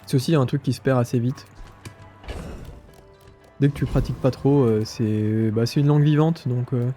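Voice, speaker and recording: Man, stuffy nose, mellow voice, gameplay commentary, faint music behind. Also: mid-range voice, fairly even intonation, normal speed. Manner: thinking aloud, hesitant with fillers. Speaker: gaming streamer.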